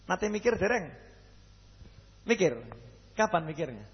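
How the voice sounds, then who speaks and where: A man's voice: sits high, a little slow, in a large hall, dull audio, a little hiss or hum. A man with a Javanese accent preaching a sermon, who keeps asking the crowd questions and joking. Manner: questions the crowd, jokey, lively. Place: mosque hall.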